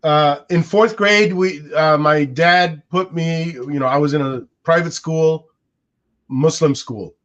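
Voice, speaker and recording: This man in his forties, who grew up speaking Arabic, co-hosts a casual podcast and muses aloud with many restarts. He speaks slowly in a fairly high, fairly bright voice. The recording is dull and lo-fi.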